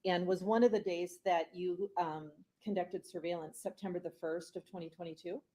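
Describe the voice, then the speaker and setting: A woman prosecutor questioning a witness in a conversational, somewhat halting way. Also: fairly low pitch, fairly even intonation, warm tone, poor audio.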